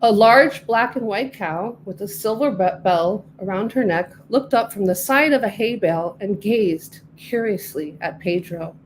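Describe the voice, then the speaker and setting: A middle-aged woman reading her own storybook aloud with clear, careful narration. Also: mid-range voice, unhurried, few pauses, slight background noise, rough recording. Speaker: author reading her book.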